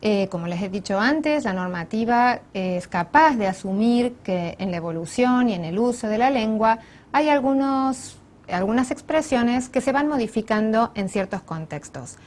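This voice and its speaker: Woman teaching in a measured tone. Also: fairly high pitch, animated, darkish tone. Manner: measured, explanatory, corrects herself mid-sentence. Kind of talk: recorded online lecture.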